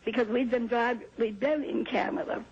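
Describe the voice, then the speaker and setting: An older woman from New Hampshire tells her story in an interview, calm and plain, with small laughs and restarts. Her voice is gravelly and husky and sits a little high. The sound is dull and lo-fi, like a worn VHS tape. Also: normal speed. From New Hampshire, USA. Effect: old VHS tape sound. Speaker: interview guest. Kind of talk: recounting a personal experience in an interview.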